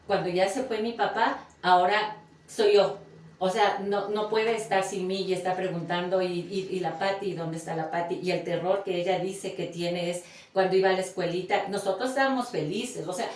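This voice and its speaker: A woman's voice: on the low side, fairly even intonation, normal speed. Earnest woman from Ecuador, distant roomy mic. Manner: earnest, emotional storytelling. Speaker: guest, daughter caring for her mother. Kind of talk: casual podcast conversation.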